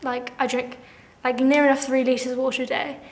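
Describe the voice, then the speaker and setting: This teenage vlogger, 17, does a casual Q&A to camera, bubbly and full of "like," often laughing at herself. Her voice sits high with little pitch movement, moves fairly quickly, and sounds reverberant.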